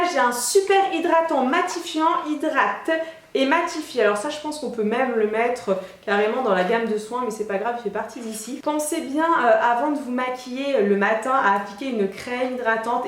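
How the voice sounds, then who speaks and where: Chatty high-voiced young woman vlogger. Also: normal speed. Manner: chatty and excitable, frequent hesitations. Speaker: beauty vlogger. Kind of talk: casual product unboxing chat. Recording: echoey room.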